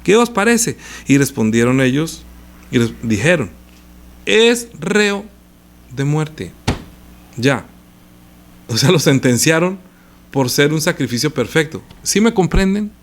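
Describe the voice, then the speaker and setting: A male preacher teaches from the Bible in a loose, conversational way. His voice sits a little high for a man, and he keeps tossing rhetorical questions at his listeners. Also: slow, pauses often. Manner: animated, rhetorical questions to the congregation.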